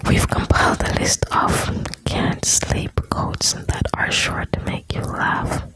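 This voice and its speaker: A woman whispering close to the ear in an intimate, soothing ASMR style, reading out short lines and chatting softly to the listener. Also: slow. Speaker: ASMR host reading quotes.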